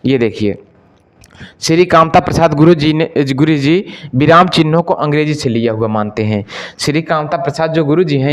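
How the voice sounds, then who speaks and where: A male Hindi teacher giving an exam-prep lesson, repeating each question to the class and then answering it himself, and addressing listeners as friends. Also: a little high. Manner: stretches out example sentences slowly.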